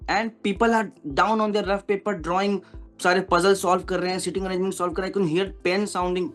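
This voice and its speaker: A man's voice: sits high, level tone, normal speed, fairly bright tone, faint music behind. A man in his thirties from Kolkata, speaking as an interview guest in an earnest, hesitant way with many fillers, switching between English and Hindi. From Kolkata, India. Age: 30s. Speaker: interview guest, bank officer. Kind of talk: casual interview talk.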